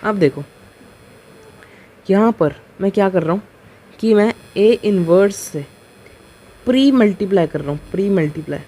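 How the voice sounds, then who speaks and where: Animated and warm, this man's voice sits high as he explains a maths proof at the board. He goes step by step, slowing on important terms, asking rhetorical questions and making sure students follow.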